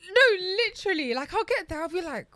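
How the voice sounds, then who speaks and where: A woman's voice: very high voice, big pitch swings, brisk, sharp tone, dry recording. A young woman talking casually on a podcast, chatty and full of fillers, laughing often. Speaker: podcast guest.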